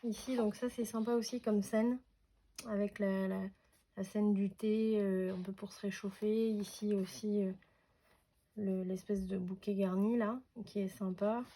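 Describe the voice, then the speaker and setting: A woman's voice: mid-range voice, level tone, unhurried, dark tone. A woman chatting casually through a craft unboxing, hesitant, with many fillers and restarts. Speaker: craft vlogger.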